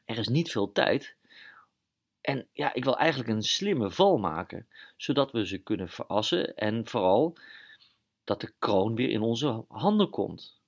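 A man's voice: medium pitch, very animated, a little slow. A man voicing a friendly, heroic male superhero mouse in a children's storybook tale, with a cheerful and chatty manner.

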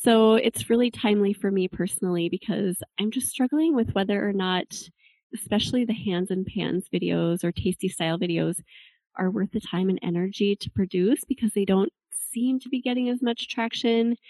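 A woman's voice: mid-range voice, dark tone, dry recording. A woman hosting a podcast, upbeat and enthusiastic, reading ads and interviewing a guest. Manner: upbeat, enthusiastic, slows down for web addresses. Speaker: podcast host.

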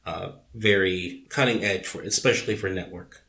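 A man's voice: sits low, moderate pace, gravelly, sharp tone. A man in his thirties chatting casually as a podcast co-host, rambling with many fillers. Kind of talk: casual chat.

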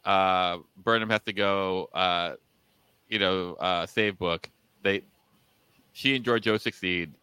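A man chats casually as a podcast co-host, his voice bright and forceful. His tone is smooth and clean, recorded close and dry. He tells stories animatedly, laughing and restarting his sentences. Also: sits low, steady tone, takes it slowly, no echo, low-quality recording. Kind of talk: casual chat.

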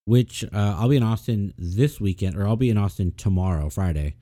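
Laid-back man with a dark voice. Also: on the low side, brisk. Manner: laid-back, swears often, filler-heavy. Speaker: podcast co-host. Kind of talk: casual chat.

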